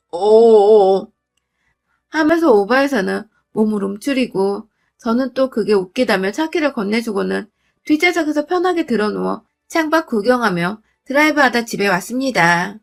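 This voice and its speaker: Woman, slightly high voice, blunt and indignant first-person storyteller. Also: vocal fry. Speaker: storyteller recounting her marriage.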